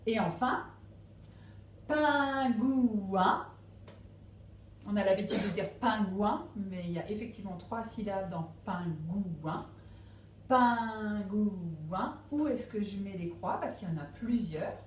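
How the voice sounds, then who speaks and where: A woman teaching a phonics lesson to young children at a distance, speaking slowly and patiently and stressing each syllable. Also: medium pitch, animated, darkish tone, echoey room, slight background noise. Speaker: primary school teacher. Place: classroom with a board.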